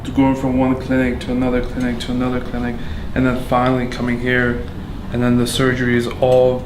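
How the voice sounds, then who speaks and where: Flat-voiced man in an echoey room. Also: mid-range voice. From Afghanistan. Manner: halting, with many fillers and restarts. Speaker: patient. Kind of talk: candid personal testimony. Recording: echoey room with background noise.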